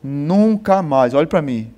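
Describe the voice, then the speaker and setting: A preacher putting on a stern, arrogant army captain. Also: male voice, fairly high pitch, animated, warm tone, dull audio, voice pushed down. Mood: commanding. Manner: slow, commanding, drawn-out calls.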